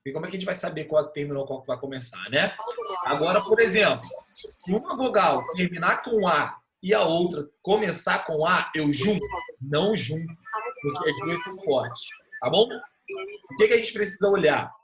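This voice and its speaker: A man's voice: on the high side, expressive, moderate pace, a crowd in the background. A man with a Brazilian Portuguese accent, teaching an online class and patiently checking that the students are following. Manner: patient, checks understanding with frequent "tá bom?".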